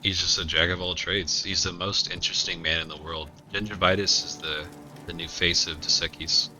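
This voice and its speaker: A man's voice: low-pitched, fairly even intonation, normal speed, pushed and bright. A man streaming a video game, tossing out sarcastic, joking asides as he plays. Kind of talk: casual gameplay commentary. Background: game music.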